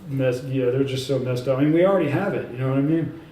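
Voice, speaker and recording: Rambling man, mellow voice, echoey room. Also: mid-range voice, quick pace. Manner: rambling, many fillers and restarts; emphatic, self-assured. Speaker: author and researcher, interview guest. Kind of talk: casual in-person interview. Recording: echoey room, speaker far from mic, faint ambience.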